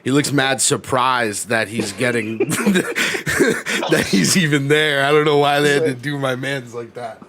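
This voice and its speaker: A man hosting a casual livestream, talking in a relaxed, friendly way with many fillers. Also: mid-range voice, unhurried, soft background music. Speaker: stream host.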